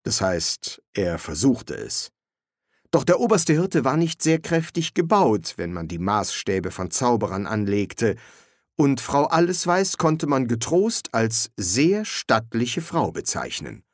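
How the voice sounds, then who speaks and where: A man reading a comic fantasy novel aloud in measured, dry storytelling. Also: mid-range voice, sing-song, no room sound. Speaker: audiobook narrator. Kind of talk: scripted narration.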